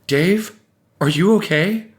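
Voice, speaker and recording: A man's voice: mid-range voice, lively intonation, moderate pace, voice pushed up, lightly acted. Man voicing a frantic worried young wife. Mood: alarmed. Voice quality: anxious, pleading.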